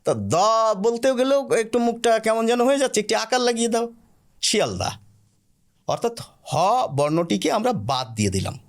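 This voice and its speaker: A man talks as a guest on a podcast, and he explains patiently and step by step. His pitch rises and falls a great deal, and his voice sits a little high for a man. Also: sing-song, fairly quick. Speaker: guest expert on language. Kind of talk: explanatory conversational interview.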